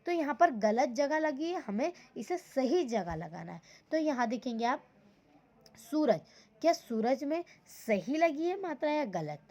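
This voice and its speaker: A woman's voice: sits high, sing-song, unhurried, darkish tone. A woman teaching an online Hindi lesson to young children, patiently repeating and breaking words into syllables. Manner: patient, repetitive, says "ठीक है" often, breaks words into syllables. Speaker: school teacher.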